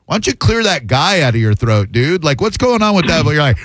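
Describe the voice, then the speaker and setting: Big pitch swings mark this man's fairly high, fairly bright voice, captured without room sound. As a radio host fielding calls, he bluntly rants and mocks his callers in typical call-in banter.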